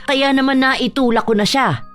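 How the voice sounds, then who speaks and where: A woman playing a blunt, sharp-tongued middle-aged aunt who talks in plain street slang and protects her nieces. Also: high-pitched, moderate pace, soft background music. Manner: street-talking, sharp-tongued, shouts in anger. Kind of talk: Tagalog audio drama acting.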